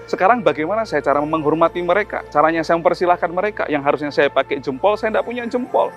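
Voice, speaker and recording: A man's voice: on the high side, lively intonation, fast, soft background music, voice pushed up, natural voice. A man voicing a hot-tempered king in a told story, speaking in a raised, indignant, pleading tone. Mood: complaining.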